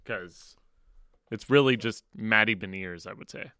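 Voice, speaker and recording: Bright-voiced man chatting about sports. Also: on the low side, unhurried, smooth, no echo, clean studio sound. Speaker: sports radio co-host. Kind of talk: casual sports talk.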